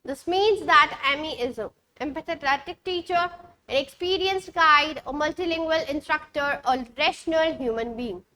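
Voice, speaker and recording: Young indian woman teaching english online, reads the text out slow, keeps checking in with her students. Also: high voice, sharp tone. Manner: switches between Hindi and English, reads passages slowly; checks in often with short questions. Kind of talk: online exam-prep lesson.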